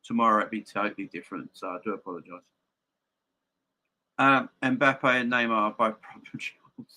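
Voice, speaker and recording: A man's voice: lowish voice, normal speed, bright, forceful tone, rough recording. A man hosting a casual football live stream, repeating phrases for emphasis, with a slight lisp from a missing front tooth. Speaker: football fan channel live stream host. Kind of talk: casual live-stream chat and football opinion, addressing viewers.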